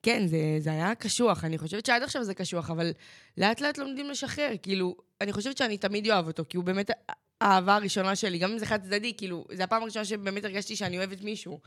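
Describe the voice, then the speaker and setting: A woman's voice: medium pitch, no echo, clean studio sound. A teenage girl, a podcast co-host, telling a personal story in casual chat, acting out what people said and filling her talk with "like". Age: teens. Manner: animated storytelling that acts out quoted voices, with lots of "like".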